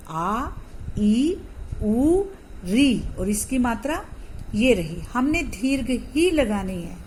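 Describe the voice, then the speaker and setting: Slow, patient woman teaching a lesson. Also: on the high side, a little hiss or hum, poor audio. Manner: slow, patient explaining with repeated questions. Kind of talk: classroom grammar lesson.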